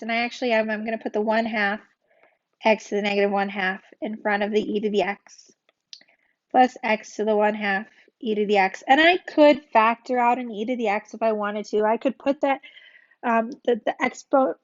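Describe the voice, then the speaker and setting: High-voiced woman teaching calculus, lo-fi. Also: steady tone, normal speed. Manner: chatty, self-correcting, sings a memory rhyme. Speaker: math teacher. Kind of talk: recorded calculus tutorial. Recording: dull lo-fi audio.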